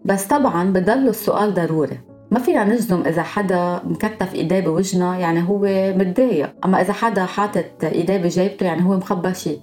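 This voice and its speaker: Fast-talking Lebanese woman podcaster. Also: on the low side, a little mellow, faint music behind. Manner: explanatory, listing examples one by one. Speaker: podcast host. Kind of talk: scripted podcast monologue.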